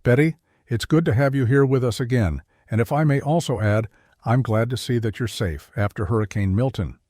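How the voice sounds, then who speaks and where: A performer plays a mock reverend hosting a scripted satirical interview, calm and needling with a measured, deadpan delivery. The natural, mid-range voice comes through clean studio sound with no echo.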